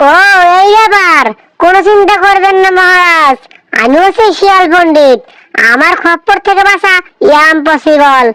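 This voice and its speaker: A woman's voice: very high-pitched, normal speed, sharp tone, dry recording, poor audio. A woman voicing a sly, boastful male fox trickster in a cartoon, scheming and laughing slyly.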